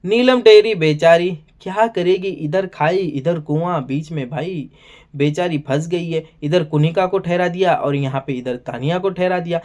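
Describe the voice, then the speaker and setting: A show reviewer casually recaps and comments on a reality show episode, chatting away with lots of filler and repeated "bhai" and "yahan pe." His voice is on the high side, slightly mellow, at a moderate pace.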